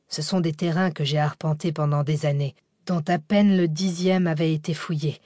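Woman reading as a calm lecturing professor guy, lowish voice, dry close sound. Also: no echo. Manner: measured, lecturing.

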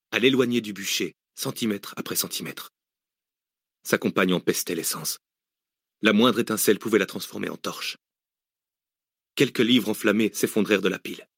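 A man reads a thriller audiobook in a low, husky voice with measured, dramatic pacing. The recording is close and dry, with no room sound. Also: fairly bright tone, dry recording. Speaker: audiobook narrator. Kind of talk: dramatic scripted narration.

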